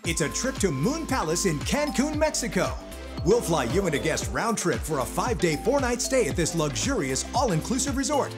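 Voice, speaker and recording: A man's voice: high-pitched, big pitch swings, normal speed. A man reading a scripted prize promotion as a show announcer. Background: music.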